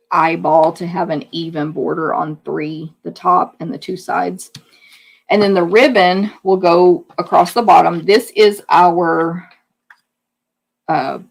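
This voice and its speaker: Woman craft instructor, hoarse and gravelly, chatty hands-on demo delivery. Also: fairly low pitch. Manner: chatty, hands-on explaining while working. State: losing her voice. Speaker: card-making instructor. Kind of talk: live craft demonstration.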